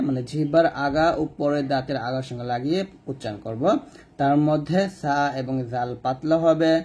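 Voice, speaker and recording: A man with a Bangladeshi Bengali accent teaching a step-by-step recitation lesson, repeating each rule and drilling letters slowly. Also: fairly high pitch, warm tone, slightly rough. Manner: repeats rules and drills letters slowly, asks questions to the viewer. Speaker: Quran reading teacher.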